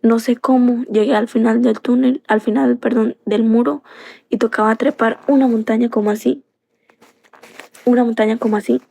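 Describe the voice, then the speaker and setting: A woman's voice: fairly high pitch, fairly even intonation, moderate pace, gravelly, dark tone. A woman from Colombia, earnestly telling a personal story on a live stream into a phone, circling back with many fillers.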